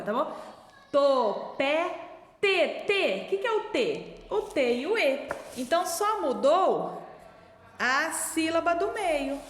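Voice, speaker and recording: A woman teaching a remote early-literacy lesson, sounding out words slowly syllable by syllable in a patient, coaxing way. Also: high voice. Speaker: primary school teacher. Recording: echoey room, long reverb.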